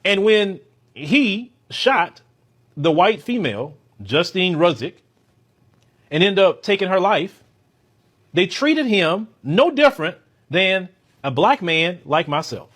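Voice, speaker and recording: A man's voice: sits high, sing-song, slow, pauses often, a bit bright. A man speaking bluntly and with emphasis in a clip taken from another video.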